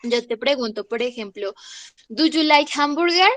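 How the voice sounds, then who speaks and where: Woman teacher going over grammar, pretty high voice, keeps checking everyone's following along, dry close sound. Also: expressive, normal speed, fairly bright tone, no echo. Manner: patient, checks in often with short questions. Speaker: English teacher. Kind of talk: explaining grammar to a class.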